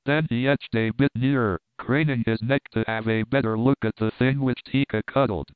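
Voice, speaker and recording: A man narrates an adventure story in a steady, measured way at a mid pitch. His voice is crisp and resonant. The recording is dry, with no room sound, and thin like a phone line. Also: dry recording. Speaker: audiobook narrator.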